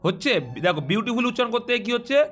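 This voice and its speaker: A man. He explains each rule patiently, then checks understanding with quick questions to the class. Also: very high-pitched, sing-song, fairly bright tone, soft background music. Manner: explains step by step and quizzes students. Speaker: teacher. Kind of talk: grammar lesson.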